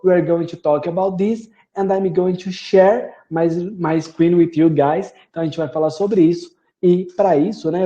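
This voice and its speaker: A man in his thirties with a Brazilian Portuguese accent, teaching an online lesson and repeating phrases slowly with many fillers. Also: fairly high pitch, warm tone, muffled recording. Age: 30s. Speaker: English teacher. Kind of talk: online lesson with screen share.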